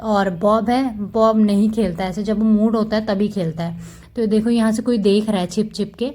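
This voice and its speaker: Woman, mellow warm tone, casual pet vlog voice-over, chatty and fond. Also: medium pitch, steady tone, moderate pace. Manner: chatty, fond, explains with "dekho" asides. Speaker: cat vlogger. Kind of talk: casual voice-over about her cats.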